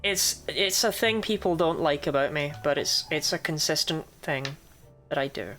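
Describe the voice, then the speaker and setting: A woman with a slightly low voice streams a game over music. She chats casually in a playful way, with deadpan, self-deprecating jokes. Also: moderate pace. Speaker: livestreamer. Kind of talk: casual game livestream chat with playful read-aloud of game dialogue.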